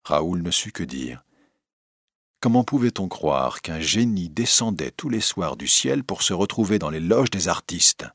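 A man narrating a storybook in a measured, even way. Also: low voice, slightly rough, no room sound, studio quality.

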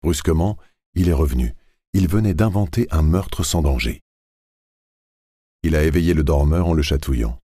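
A man narrates a novel in a steady, measured reading. His voice is extremely low and husky, and the recording is dry and close. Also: no room sound.

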